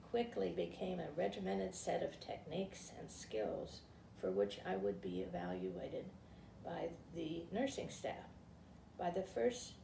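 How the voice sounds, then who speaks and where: Speaking casually and reading aloud to a group, a woman in her 70s or older, once a teacher and now a read-aloud presenter, uses a creaky, warm, mid-range voice. Her speech halts, rambles, and breaks off mid-thought. The mic sits at a distance in an echoey room, with faint noise audible.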